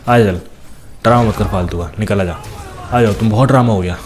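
Young man, game commentator, lowish voice, fast teasing chatter, faint background hiss. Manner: chatty, teasing enemies, talks fast while playing. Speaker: gameplay commentator.

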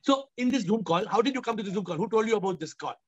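A man in his fifties with an Indian accent hosts a question-and-answer spiritual discourse as its teacher, firing off emphatic, repeated rhetorical questions. His voice is high, animated and racing. The video call audio sounds dull and compressed.

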